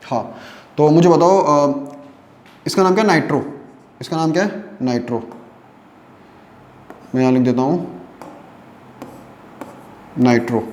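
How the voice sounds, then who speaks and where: Man, chemistry teacher, lecture, asks repeated check-in questions, mellow tone. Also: a little high, unhurried, long pauses, reverberant. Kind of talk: online lecture.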